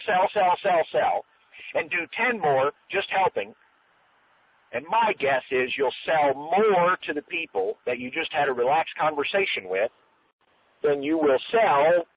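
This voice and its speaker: A man's voice: high voice, creaky, slightly rough. A man giving a recorded business training talk, earnest and repetitive, acting out sample sales calls. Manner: earnest, repeats and restarts, acts out sample calls. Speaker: business coach. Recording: tinny phone-line sound.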